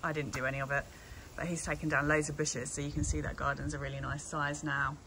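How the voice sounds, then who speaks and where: Walking through a bare house mid-renovation, a woman narrates into her phone at a quick pace, dropping frequent "um"s and "so"s. Her low, level voice has a fairly bright tone, and the low-quality recording carries some hiss or hum.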